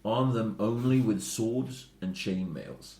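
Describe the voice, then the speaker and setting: A man's voice: lowish voice, slow pace, mellow, echoey room. A man from northern Norway co-hosting a podcast, joking and swearing often and laughing as he talks. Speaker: podcast co-host. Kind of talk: casual podcast banter.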